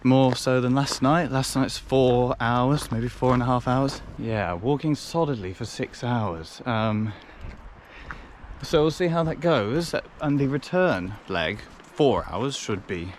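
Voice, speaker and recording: A young hiking vlogger films himself on a handheld action camera out on a wooded fellside, chatting away, poking fun at himself and rambling through restarts. His mid-range voice is animated but slow-paced, with slight background noise.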